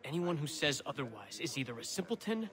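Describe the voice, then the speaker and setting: A man's voice: fairly high pitch, sing-song, brisk, a crowd in the background. A man playing an eccentric, talkative prisoner in a video game, scheming and theatrical, with a wry manner. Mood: fervent. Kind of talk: video game dialogue acting.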